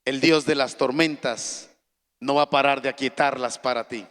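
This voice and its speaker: A man preaching a sermon as pastor, swinging from soft, hushed pleading to loud, shouted calls to the congregation. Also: medium pitch, fairly even intonation, moderate pace, in a large hall.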